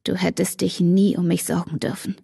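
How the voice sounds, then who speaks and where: A woman voicing an intense young man who is protective and angry, speaking low and curt. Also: level tone, normal speed, gravelly, mellow, breathy edge, no echo, clean studio sound, full character voice. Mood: brooding.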